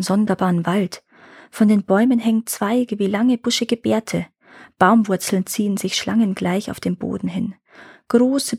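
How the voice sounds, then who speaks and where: Husky woman reading fairy tales. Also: mid-range voice, no echo, clean studio sound. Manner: calm, measured reading. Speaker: fairy tale reader. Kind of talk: storybook narration.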